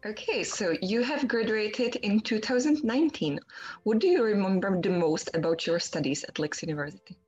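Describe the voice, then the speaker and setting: A woman's voice: medium pitch, normal speed, a little mellow, dull audio, soft background music. A woman hosting an interview over a video call, asking brief friendly questions. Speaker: interview host. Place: indoor room. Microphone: video call webcam.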